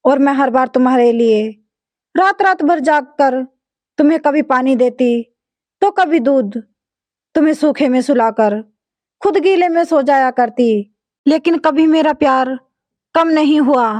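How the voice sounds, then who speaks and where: A woman voicing an elderly, patient and loving mother who speaks gently and softly in a storybook tale. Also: high voice, measured pace, long pauses, dry recording. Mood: gentle. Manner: gentle, soft-spoken.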